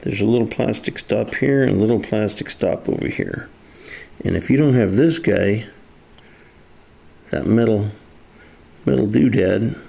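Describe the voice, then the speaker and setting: In a kitchen, a repair video presenter with a low, gravelly, dark voice gives a casual, hands-on demonstration. He talks through each step in a folksy, informal way.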